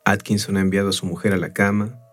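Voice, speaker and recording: Deep-voiced male audiobook narrator. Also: little pitch movement, fast, faint music behind. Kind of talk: first-person storytelling narration.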